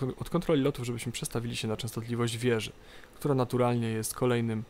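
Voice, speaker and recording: A man presenting an unscripted game tutorial, explaining step by step in a halting way and repeating phrases. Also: mid-range voice, a little mellow. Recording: light background noise, game cockpit ambience. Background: flight simulator cockpit ambience.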